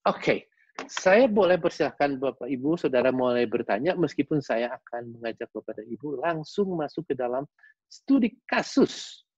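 A man giving a lively webinar lecture, acting out facial expressions with casual slang asides. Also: medium pitch, moderate pace, breathy edge, dry recording. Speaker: behavioral analyst giving a webinar talk. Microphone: video call. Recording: dull lo-fi video call audio.

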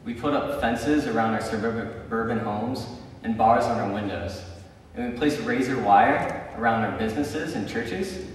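A man's voice: medium pitch, a little slow, a little hiss or hum. A young man giving a casual, chatty sermon, telling stories with frequent ums and likes. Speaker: preacher. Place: church sanctuary. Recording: echoey church hall from far off.

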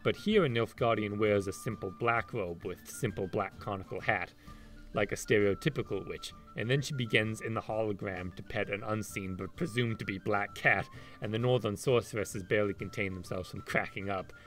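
A man's voice: lowish voice, moderate pace, a bit bright. A man who says his r like w, giving sarcastic, exasperated commentary as an opinionated critic who swears. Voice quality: rhotacism, r sounds like w. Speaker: video essay critic. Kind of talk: opinionated ranting video commentary. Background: music behind the voice.

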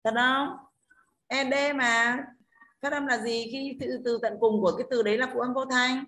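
She has a high, slightly bright voice with a steady tone and normal speed, teaching English online with a Northern Vietnamese accent. Each pronunciation rule is explained step by step, and "đúng không?" comes up often as she checks on the class.

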